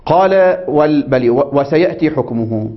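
A man's voice: on the high side, lively intonation, moderate pace, a little hiss or hum. A man teaching religious law in a seminary lecture, reading a text aloud and explaining it. He keeps quizzing his listeners with prompting questions and checking that they follow. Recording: dull lo-fi recording.

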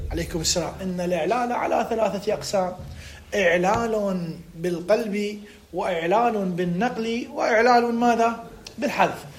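A man with an Iraqi Arabic accent teaching a recorded lesson, stretching out key words, repeating them, and posing students' questions to himself before he answers. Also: sits high. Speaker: religious school teacher of Arabic morphology. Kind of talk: recorded lesson, live-streamed.

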